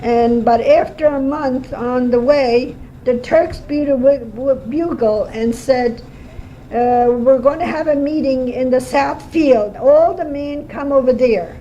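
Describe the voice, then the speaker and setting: Recorded on a lo-fi home cassette tape with faint hiss, this high, dark-toned voice belongs to a woman in her seventies born in Armenia (Erzurum, Turkey). In her home kitchen she gives an oral history interview, slowly and haltingly recalling her life with many pauses and fillers.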